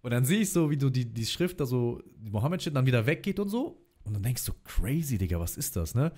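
A man's voice: mid-range voice, big pitch swings, a little fast, a little mellow, slightly rough. A man talking as a guest in a casual livestream chat, telling long personal stories in slangy, chatty speech and calling the host brother.

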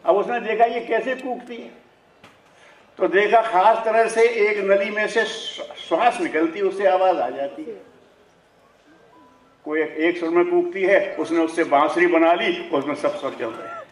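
A man giving a lively spiritual discourse, asking rhetorical questions and chuckling as he makes his points, speaking through a microphone and loudspeaker to an audience. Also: sits high, measured pace. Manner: chuckles while making points. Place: ceremony hall with audience. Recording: echoey hall, heard from a distance.

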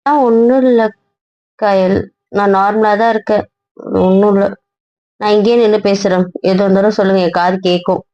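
Young wife in a home couple skit. Sulky, stubborn pleading. Warm, dark tone, dry lo-fi sound. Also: female voice, mid-range voice, fairly even intonation, normal speed, long pauses, dry recording. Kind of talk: casual couple banter. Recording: dull, dry lo-fi audio.

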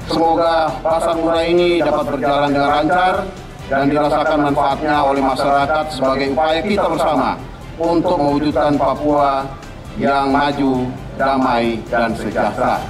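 A man giving a formal opening speech at a podium at an outdoor event, amplified through loudspeakers. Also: a little high, fairly even intonation, normal speed, over loud music. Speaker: military commander giving a speech. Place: outdoor field event under a tent. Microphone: podium microphone over PA. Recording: echoey PA from a distance.

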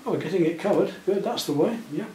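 In a living room, a man in his sixties gives a student a hands-on painting lesson, patient and encouraging with each step. He talks fast in a fairly high voice with a dark tone. Recorded by a camera several feet away, the audio is roomy, distant and noisy.

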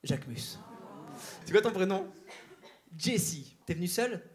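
A male stand-up comedian doing crowd work on stage, teasing audience members with quick banter. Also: sits high, animated. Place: theater stage before a live audience. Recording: live show with loud audience laughter and noise.

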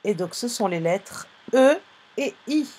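A woman teaching a phonics lesson to young pupils over a live online class, speaking slowly and clearly, spelling out sounds and letters with patience. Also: fairly high pitch, expressive, darkish tone.

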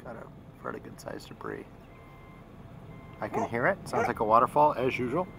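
A man with a gravelly voice giving live on-scene storm chaser commentary outdoors, in terse, repeated observational phrases. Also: mid-range voice, big pitch swings, moderate pace. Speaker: storm chaser narrating footage. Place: outdoors on open prairie. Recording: loud wind and roar over outdoor camcorder audio.

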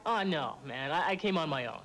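An actor playing a breezy, chummy game designer in a scripted infomercial comedy, casual, slangy and eager. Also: male voice, fairly high pitch, lively intonation, a little fast, fairly bright tone.

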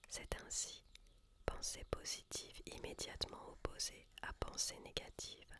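A woman reading a book aloud in a soft, unvoiced library whisper, with slow, measured and deliberate phrasing. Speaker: reader.

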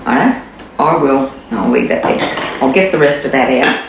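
In an echoey home kitchen with faint background noise, a bass-voiced Australian woman in her sixties gives a casual cooking demonstration. She chats at an unhurried pace, with lots of ums and restarts, captured by a camera positioned in front at mid distance.

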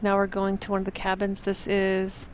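A woman narrates her own travel footage in a relaxed, joking way, poking fun at herself as she goes. Her pitch stays fairly flat and even. A clear layer of background noise runs under the voice. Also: moderate pace, muffled recording. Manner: chatty, self-mocking. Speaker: vlogger. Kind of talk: casual voice-over narration.

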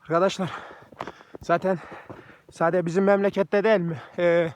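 A man with a notably high voice talks casually to the camera while he walks outdoors through snowy countryside. He chats freely and keeps coaxing and praising his dogs along the way. The sound comes from a camera or phone he carries as he walks. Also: little pitch movement, normal speed, darkish tone, a little hiss or hum. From Turkey. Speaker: village farmer vlogger. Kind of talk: casual walking vlog.

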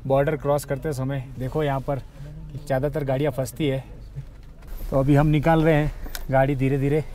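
A man in his thirties vlogs a mountain road trip from inside his car, chatting casually and pointing out the sights to viewers. His medium-pitched voice is flat and dark at a moderate pace, with a little hiss or hum in the recording.

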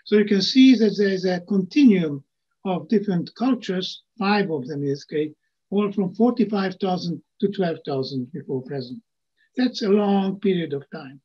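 Expressive and moderately paced, this older man's high-sitting voice has a dark, slightly rough tone. Giving a lecture from home on a video call, he reads the text of his slides and tosses in plain asides, all through muffled, lo-fi audio.

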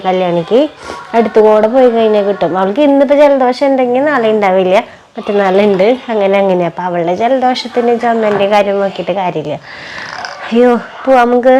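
A woman with a cold and a hoarse voice, chatting casually in a home vlog as a mother, cooing in sing-song baby talk to her little one. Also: mid-range voice, warm tone, muffled recording, a little hiss or hum. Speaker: family vlogger and mother. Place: at home, indoors.

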